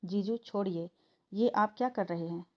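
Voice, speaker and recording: A woman voicing a level-headed young man who calmly reasons to stop a fight, in a slightly dull recording. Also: high-pitched, normal speed, close to an everyday voice. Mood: reasoning. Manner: calm, reasoning.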